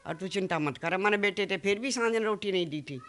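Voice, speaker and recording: A woman with a Haryanvi accent, the mother of the man interviewed, pleadingly retelling a family fight in a local news interview. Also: medium pitch. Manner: fast, pleading retelling with many quoted exchanges. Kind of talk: emotional interview account.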